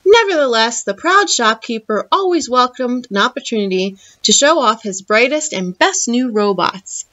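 A woman reading a picture book aloud for library storytime, with an expressive, lively delivery, heard through muffled lo-fi audio. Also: a little high, normal speed.

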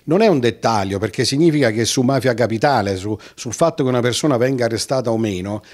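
A man's voice: mid-range voice, quick pace, a little mellow. A man heading a press association, giving a statement for the news with hesitations and restarts. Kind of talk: interview statement.

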